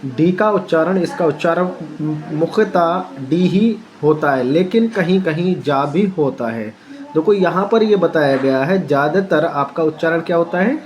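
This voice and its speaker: A man's voice: a little high, normal speed, lo-fi sound. A male teacher giving a spoken pronunciation lesson, spelling words out letter by letter and asking the viewer to repeat each answer.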